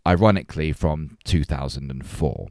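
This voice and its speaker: Deep-voiced man debating. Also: normal speed, dark tone, no room sound, studio quality. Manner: earnest, restarts words, argues a point. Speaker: podcast co-host. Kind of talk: casual debate chat.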